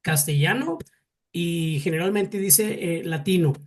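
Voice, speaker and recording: A man's voice: on the high side, unhurried. A man with a Mexican accent teaching a classroom lesson, stopping often to restart words and quizzing his students. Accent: Mexican Spanish.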